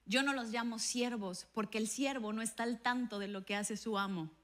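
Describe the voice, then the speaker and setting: A woman pastor preaching a sermon and telling a personal testimony, acting out the dialogue in her stories with an animated voice. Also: fairly high pitch, normal speed. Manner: animated storytelling, acts out dialogue with a raised voice.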